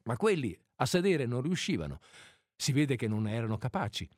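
Man reading a story out loud, really expressive, dry close sound. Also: medium pitch, normal speed, dry recording. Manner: expressive, dramatic narration. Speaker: reader. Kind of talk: literary reading aloud.

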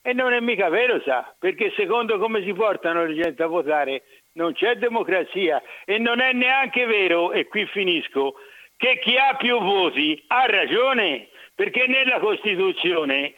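A man's voice: sits high, animated, unhurried. A man calling in to a radio show over a landline phone, arguing in a heated, insistent way. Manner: heated, argumentative. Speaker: radio call-in caller. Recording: narrow tinny phone line.

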